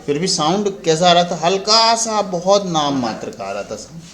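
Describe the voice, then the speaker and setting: An Indian technician walks through a repair informally, step by step, often repeating and rephrasing what he says. His voice sits high and sing-song with a slightly bright quality at a normal speed. The room has a roomy echo and faint background noise.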